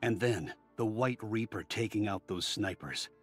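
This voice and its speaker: Playing a cautious yet admiring male fan of war heroes in a video game, an actor delivers earnest, articulate storytelling. He sounds on the low side, unhurried, a bit bright and slightly rough, over faint background music.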